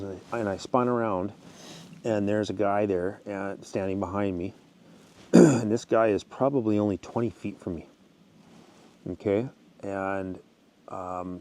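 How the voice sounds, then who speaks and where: A man casually telling a wilderness story, rambling with fillers and restarts and clearing his throat often. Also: on the low side, dark tone.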